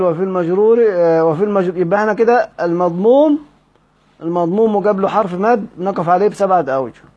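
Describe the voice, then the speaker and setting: Egyptian guy teaching quran recitation rules online, kinda high voice, quizzes his students, sound's a bit dull and lo-fi. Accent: Egyptian Arabic. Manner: quizzes students, reads a text aloud and explains it.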